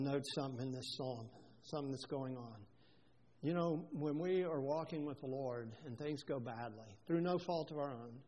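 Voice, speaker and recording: A man's voice: medium pitch, darkish tone, muffled recording. A male pastor preaching a sermon, earnest and building to fervent moments. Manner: earnest preaching, rises to fervent scripture quotes.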